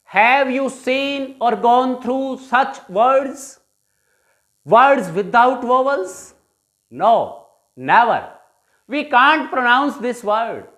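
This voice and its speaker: A woman's voice: on the high side, fairly bright tone. A woman English teacher from India with an Indian English accent, giving a bilingual phonetics lecture and repeating questions to the viewers.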